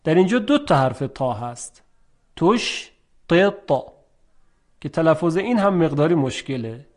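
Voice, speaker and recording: A man teaching Quranic letter pronunciation in a formal, polite tone, stretching out model words slowly between brisk explanations. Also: on the high side, big pitch swings, darkish tone. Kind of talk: recitation lesson.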